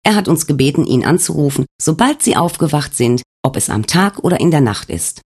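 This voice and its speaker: A man voicing a calm, reassuring female hospital nurse in an audiobook. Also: low voice, a little fast, slightly rough, exaggerated voice.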